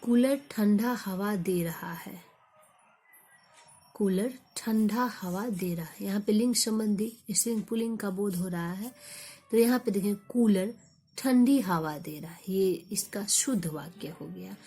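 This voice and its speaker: Woman, teacher, unhurried grammar lesson, repeats examples for students, medium pitch. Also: mellow, slightly rough, soft background music.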